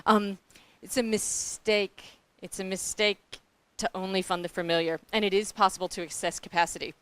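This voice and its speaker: Speaking on a panel about grantmaking, a middle-aged New Zealand woman is blunt, candid, and animated, often addressing the audience directly. Her medium-pitched voice moves at a moderate pace, with a little hiss or hum in the recording.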